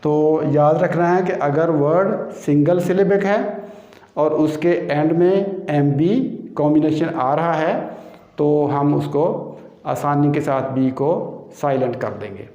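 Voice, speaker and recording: Warm, slightly high, and slow-paced, a man's voice patiently guides learners through English pronunciation rules one step at a time. He repeats every key term, and the audio is dull and lo-fi with an echoey room sound.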